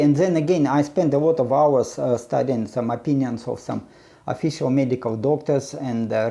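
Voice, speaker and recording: A gravelly-voiced man from Ukraine, with a warm, mid-range tone, presents his self-run research project in a casual, unscripted monologue. His speech is halting, full of restarts and filler sounds, and he comes across as blunt and opinionated.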